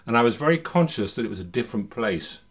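A man's voice: mid-range voice, expressive, fast talker. An older man hosting a podcast, introducing it and talking conversationally in a studio. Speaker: podcast host.

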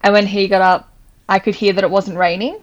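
A young Australian woman who teaches, co-hosting a casual chat podcast, talking fast and loose with lots of "like" fillers and laughs. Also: medium pitch, level tone, dull audio.

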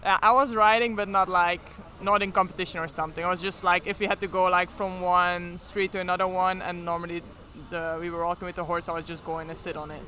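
A woman's voice: fairly low pitch, flat delivery, fast, few pauses, bright, forceful tone, a little hiss or hum. A woman in her twenties from Belgium with a Flemish accent, a native Flemish speaker, talking informally in an interview with lots of "like". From Belgium, near Ghent. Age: 20s. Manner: frequent "like" as filler, informal. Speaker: professional basketball player being interviewed. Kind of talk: casual interview chat.

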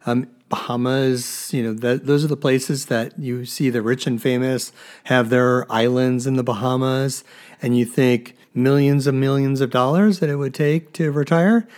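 A man's voice: medium pitch, steady tone, moderate pace, a little mellow. Casual man in his fifties co-hosting. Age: 50s. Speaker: podcast co-host. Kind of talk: podcast interview.

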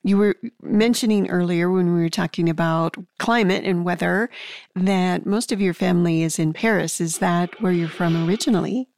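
Curious woman interviewer, low voice. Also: steady tone, moderate pace, no echo, clean studio sound. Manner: curious, gently probing. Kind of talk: interview questions.

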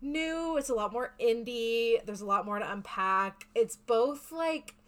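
A woman's voice: a little high, animated, measured pace. A woman co-hosting a podcast, explaining in a rambling, chatty way. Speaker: podcast co-host. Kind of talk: casual podcast chat.

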